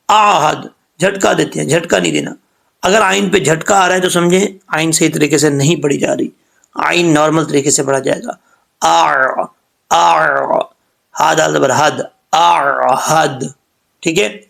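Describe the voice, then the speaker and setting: A man teaching a Quran recitation lesson in a slightly high, gravelly voice. He walks through each rule patiently, step by step. He slows down to draw out the sounds so listeners can copy them. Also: a bit bright. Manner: patient step-by-step explanation, slowing down to model sounds.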